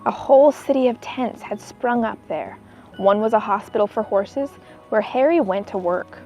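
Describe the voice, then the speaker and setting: A woman reading a children's book aloud in an expressive storytelling style, as a narrator for young listeners. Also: mid-range voice, moderate pace, highs cut off, soft background music.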